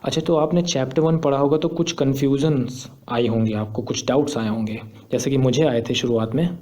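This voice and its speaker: Brisk and mid-range, with a dark tone, this young teacher guides viewers through a screen tutorial one step at a time. He stays patient and repeats key points along the way.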